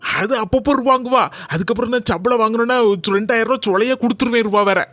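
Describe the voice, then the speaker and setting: A man's voice: very high voice, fast, fairly bright tone, no echo. A man with a Kanyakumari Tamil accent voicing an easily led young husband in a cartoon, in a pleading, coaxing manner.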